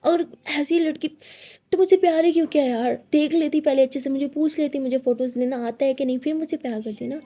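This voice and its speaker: A woman's voice: sits high, fast, dark tone, close to an everyday voice. A woman voicing a jealous, hot-tempered young college woman who snaps and scolds sarcastically. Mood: angry, jealous.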